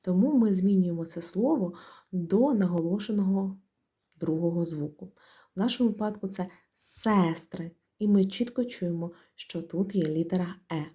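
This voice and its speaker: A woman teaching a spelling lesson in Ukrainian, explaining rules calmly and methodically and stressing each example word. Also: on the low side, normal speed, breathy edge. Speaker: language teacher.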